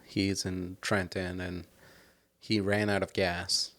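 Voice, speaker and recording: A man's voice: deep voice, flat delivery, slow, fairly bright tone. A young man, hosting a podcast and telling rambling stories in casual chat. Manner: rambling storyteller, many restarts. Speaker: podcast host.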